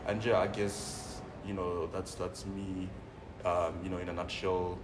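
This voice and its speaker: A man in his twenties with a South African accent, talking about himself in a relaxed way with lots of fillers. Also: sits low, a little slow. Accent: South African English. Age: 20s. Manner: relaxed, many fillers like you know. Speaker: interview guest. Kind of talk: casual interview. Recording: distant mic, noisy room.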